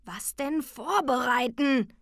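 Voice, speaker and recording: Lady doing a grumpy shaggy beast guy, sulky, grumbling, kinda flat and dull, dry sound. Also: fairly high pitch, slow pace, no room sound, voice pushed up, exaggerated voice. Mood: whiny grumbling. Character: grumpy shaggy male bear-like creature, surly. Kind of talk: storybook character voice.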